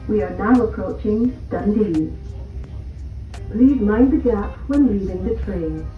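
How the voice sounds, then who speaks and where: Woman's slow onboard train announcement. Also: mid-range voice, lively intonation, phone-quality sound, loud music behind the voice. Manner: measured, formal announcing. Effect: onboard train announcement over loudspeaker. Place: inside a moving train carriage.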